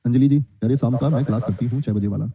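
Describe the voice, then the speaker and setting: Young guy teaching an online class super fast, quizzing, bit muffled audio. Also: medium pitch, dark tone, a little hiss or hum. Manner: quizzing, answers his own questions, reads student comments. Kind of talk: online exam-prep class. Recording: dull lo-fi sound.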